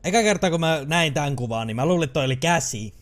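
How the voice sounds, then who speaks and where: A young man with a Finnish accent giving excitable, chatty let's play commentary, swearing and laughing often as he plays. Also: fairly high pitch, background noise. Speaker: gaming channel host.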